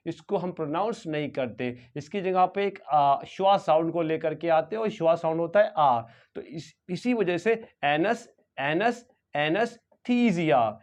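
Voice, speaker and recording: A man with an Indian accent teaches English pronunciation in a high, light voice. He spells words slowly, letter by letter. He asks a question, answers it himself, and repeats the answer as a drill. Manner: slow, deliberate letter-by-letter spelling. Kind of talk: explanatory lesson.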